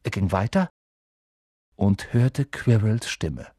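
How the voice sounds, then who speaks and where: A male narrator reads a novel aloud in an expressive storytelling manner, leaning into key words with lively emphasis. His voice sits at an ordinary middle pitch. The recording is close and dry, with no room echo. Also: normal speed. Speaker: audiobook narrator. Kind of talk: scripted audiobook narration.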